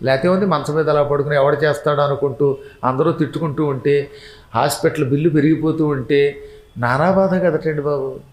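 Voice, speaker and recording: A man giving a devotional scripture discourse, telling stories animatedly, acting out the people he quotes and chanting verses slowly. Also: a little high, fairly even intonation, echoey room, low-quality recording.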